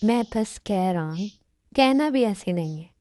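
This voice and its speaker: Young husband in a dubbed drama, woman doing the voice, soft pleading tone, mellow, dry close sound. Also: medium pitch, lively intonation, measured pace, no echo, natural voice. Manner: pleading, soothing. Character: young husband, businessman, patient and coaxing. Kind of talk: amateur Hindi dubbed drama.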